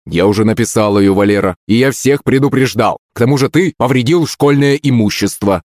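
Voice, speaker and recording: A man's voice: mid-range voice, a little fast, darkish tone, no echo, studio quality, voice pushed up, close to an everyday voice. A man voicing a stern middle-aged gym teacher who barks orders and scolds pupils. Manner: gruff, barking orders.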